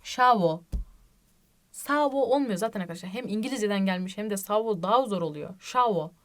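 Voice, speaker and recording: A woman teaching a language lesson online, patient and reassuring, repeating each example word slowly and often checking in with her students. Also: medium pitch, animated. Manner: asks the class frequent tag questions. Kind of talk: online lesson explaining reading rules.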